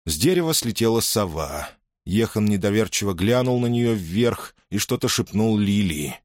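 A man with a fairly low pitch tells an audiobook story from a script, his delivery measured and even, captured in a dry, studio-quality recording.

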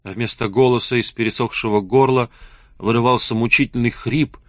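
A man tells a novel in a measured, even narrating voice of middle pitch. The recording is close and dry, with no room echo. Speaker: audiobook narrator. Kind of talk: scripted audiobook narration.

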